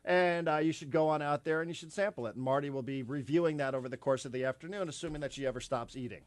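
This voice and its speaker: A man hosting a sports talk radio show from the studio, talking in an animated, rambling way with lots of repeated words. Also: a little high, fast, no room sound. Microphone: studio microphone.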